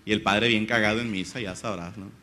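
A man's voice: on the low side, steady tone, a little fast, bright, forceful tone. A young man from Monterrey, doing a rambling, crude stand-up monologue full of slang. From Monterrey, Mexico. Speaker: comedian.

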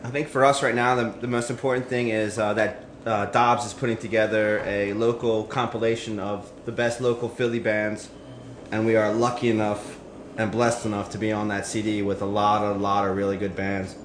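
A band member talking eagerly in a casual interview. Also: male voice, on the low side, flat delivery, moderate pace. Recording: echoey room with faint background noise.

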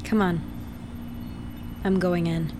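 A woman playing a slow-spoken, fatalistic young woman. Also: fairly low pitch, flat delivery, heavy background noise. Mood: resolved. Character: resigned, fatalistic young woman trapped in bunker. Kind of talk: audio drama acting.

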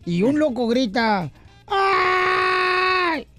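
A playful man hosts a comedy radio show, voice pitched high. He tells jokes and acts out the characters in them. Faint music plays behind him. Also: animated, fairly quick. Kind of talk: joke-telling radio banter.

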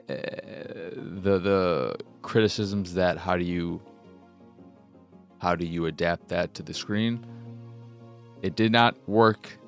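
A man in his thirties with a very low, gravelly voice, hosting a casual podcast. He talks loosely and crudely and rambles, close on the microphone. Faint music plays under him. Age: 30s. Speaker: podcast host. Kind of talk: casual solo podcast chat.

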